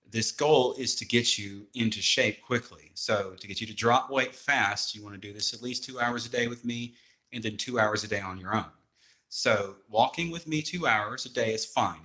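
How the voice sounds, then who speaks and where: A man speaking as a personal trainer in a rambling, informal explanatory style, halting often and checking in with "okay?". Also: lowish voice, bright, forceful tone. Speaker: personal trainer pitching a weight-loss walking program.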